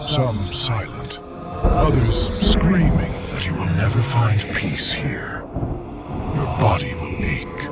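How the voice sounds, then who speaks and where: A man's voice: medium pitch, very animated, slow. A man playing a tormented, haunted seer in an anguished, theatrical game monologue. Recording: loud music under the voice.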